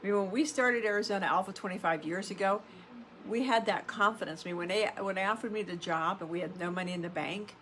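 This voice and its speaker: A woman's voice: medium pitch, quick pace, a bit bright. A middle-aged woman with a mid-range voice talks like a self-help influencer, casually but with conviction. She leans on repeated phrases and rhetorical questions to drive points home. Faint background noise sits under her voice. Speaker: self-help podcast host and coach. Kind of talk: motivational self-help influencer talk to camera.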